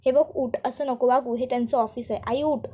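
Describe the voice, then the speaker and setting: A woman's voice: a little high, steady tone, a little fast, warm tone, slightly rough. A woman voicing a young daughter who speaks firmly and reproachfully to her mother. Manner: firm, reproachful.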